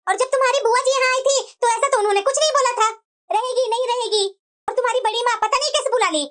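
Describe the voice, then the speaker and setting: A woman's voice: very high voice, fast, fairly bright tone. A woman voicing a fussy, nagging middle-aged mother in a family cartoon drama. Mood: complaining.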